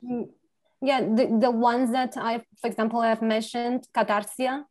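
A woman's voice: a little high, little pitch movement, a little slow, a little mellow. Hesitant woman panelist on a video call. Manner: hesitant, many fillers and restarts in English.

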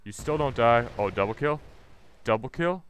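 A man's voice: mid-range voice, animated, moderate pace, clear, resonant tone. A man giving live gameplay commentary, ranting and swearing with irritation as he plays. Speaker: gaming channel host.

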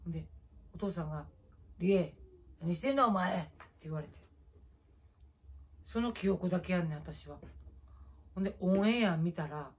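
Speaking in a warm, low-leaning voice, this middle-aged woman talks late at night in a Kansai accent. She's a YouTuber who meanders from story to story, makes fun of herself, and keeps a face pack on as she chats.

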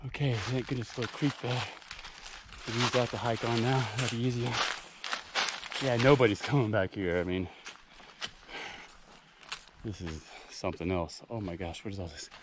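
Speaking at a moderate pace with fairly even intonation and frequent pauses, a man with a fairly low voice narrates his hike off the cuff. The hiking vlogger films himself on foot in a rocky wooded canyon, talking in short exclamatory bursts. Handling and nature noise are clearly audible.

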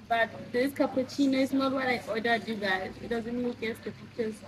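A woman's voice: fairly high pitch, normal speed, noisy background. A woman vlogging casually from restaurants, chatty and laughing often as she rates her food. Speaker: vlogger and lawyer. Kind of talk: casual vlog chat. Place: restaurants and cafes.

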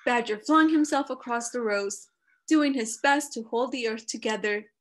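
A woman reading a picture book aloud to children, with measured, expressive storytelling. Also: fairly high pitch.

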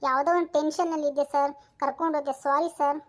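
A performer voicing a forgetful, easily frightened father in a comedy cartoon dub, talking in a fussy, excitable way. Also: sits high, quick pace. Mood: flustered. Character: forgetful cartoon father who fears ghosts.

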